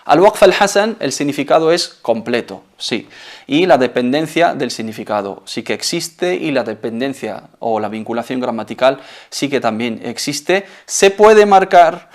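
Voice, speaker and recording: A man hosting a televised lesson, explaining recitation rules in a measured way and mixing in Arabic phrases. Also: mid-range voice, animated. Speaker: Quran recitation teacher, show host.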